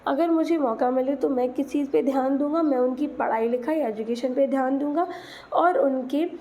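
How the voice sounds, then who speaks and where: High-voiced patient woman teacher. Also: normal speed, warm tone, muffled recording. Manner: patient, explains English words in Hindi and spells them letter by letter. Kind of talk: exam-prep lesson explanation.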